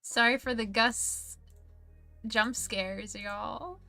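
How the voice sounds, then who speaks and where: A woman's voice: a little high, fairly even intonation, extremely slow, bright, forceful tone, faint music behind. A woman streamer in casual livestream chat, reading viewer messages aloud in a chatty, giggly way.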